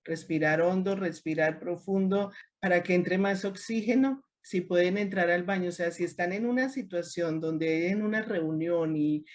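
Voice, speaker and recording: Woman, class leader, lively teaching, acts out quotes, group discussion. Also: lowish voice, normal speed, hardly any pauses.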